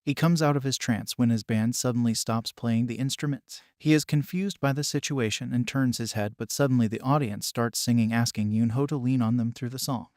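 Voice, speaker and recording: A man narrating a comic story recap in a steady scripted way, with brief personal asides. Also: mid-range voice, fairly quick, few pauses, no echo, clean studio sound.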